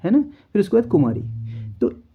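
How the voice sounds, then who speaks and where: A man's voice: high-pitched, huge pitch swings, moderate pace, slightly rough. A man teaching an exam-prep spelling lesson, explaining step by step and often checking in with the learner. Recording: dull lo-fi recording.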